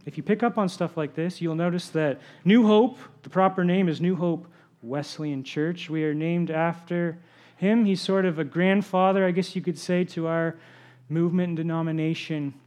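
A man pastor preaching a sermon, often dropping to a soft, low voice to stress a point. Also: normal speed, dull audio. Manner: drops to a soft low voice for emphasis.

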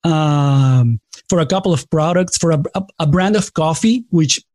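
A native Spanish speaker with a Latin American accent hosts a podcast, chatting in a casual conversational interview and often digressing and correcting himself. His voice is a little high with a darkish tone, at normal speed, and there's no echo.

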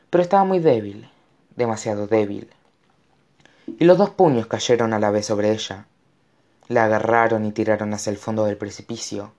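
A man's voice: fairly low pitch, darkish tone. A man narrating an audiobook with dramatic storytelling. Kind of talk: scripted narration.

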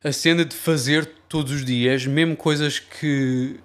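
A man's voice: on the high side, fairly even intonation, measured pace. A man with a European Portuguese accent chatting casually as a music producer, swearing and dropping English phrases into his slangy talk. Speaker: music producer and mix engineer. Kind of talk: casual podcast chat.

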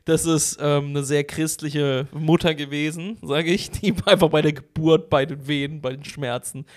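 A man's voice: on the high side, steady tone, normal speed. A man co-hosting a casual comedy podcast, riffing crudely and laughing through exaggerated bits. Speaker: podcast co-host.

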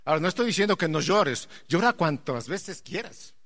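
A man preaching a sermon, impassioned and rising to near-shouts, putting questions straight to his congregation. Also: high-pitched, expressive, normal speed. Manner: addresses the congregation directly with questions.

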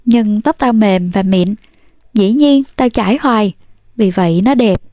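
A woman's voice: a little slow, no room sound, close to an everyday voice. A woman voicing a vain, scornful young farm wife who talks haughtily, on a dull, dry recording. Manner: haughty, then shrill.

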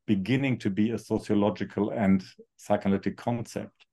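A man, a psychotherapist speaking reflectively in an interview, with frequent pauses and fillers. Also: fairly low pitch, fairly even intonation, dark tone. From Germany. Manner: thoughtful, halting, many fillers. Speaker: guest psychotherapist.

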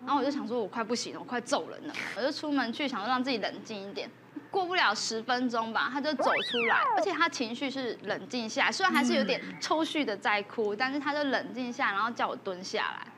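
High-voiced mother telling a story. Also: animated, fast, sharp tone, a little hiss or hum. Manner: vivid storytelling, voices her children. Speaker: panel mother. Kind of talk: casual chat.

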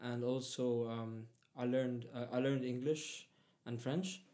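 A hesitant Arabic-speaking man of Palestinian origin, raised in Egypt, joins a casual conversation as a guest. His mid-range voice is steady, slow, and dark in tone, with many fillers and restarts.

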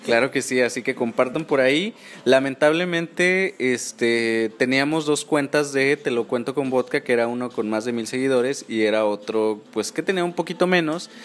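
A man's voice: medium pitch, moderate pace. A man with a Mexican accent hosting a podcast in a casual, gossipy chat, often tagging his phrases with little questions. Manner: chatty, informal, gossipy, often ends phrases with tag questions. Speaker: podcast host.

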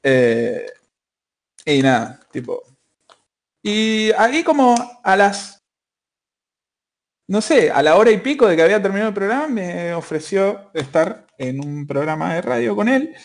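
A young man with a Rioplatense Spanish accent hosts a podcast, rambling through a story in casual chat with plenty of fillers. His voice sits somewhat high. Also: very animated, unhurried, vocal fry, pauses often. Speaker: podcast host.

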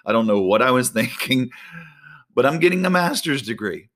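A man, a volleyball coach giving a casual devotional talk with prayer, animated and conversational with many fillers. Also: medium pitch, moderate pace. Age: 40s.

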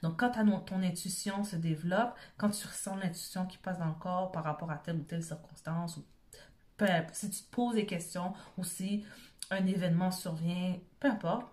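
A woman's voice: lowish voice, normal speed, darkish tone. Quebec French woman coaching informally. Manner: conversational, checks in often with short tag questions. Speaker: self-help coach. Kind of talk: informal motivational talk to the listener.

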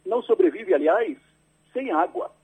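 Raspy gravelly guy on a landline phone call, high lively voice, explains things patiently. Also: normal speed, crowd noise. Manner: explains patiently, tags sentences with "né?". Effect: over a landline phone. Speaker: agricultural researcher, interview guest. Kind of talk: explanatory radio interview by phone.

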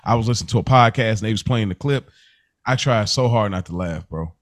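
A podcast host with a fairly low voice talks quickly and informally, reviewing a TV series in a casual chat full of slang.

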